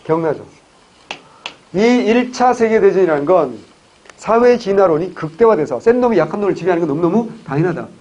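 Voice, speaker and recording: A man teaching a history class for exam students, joking and firing quick questions at the class. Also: high voice, lively intonation, a little mellow, muffled recording. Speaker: civil service exam history lecturer. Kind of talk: classroom lecture.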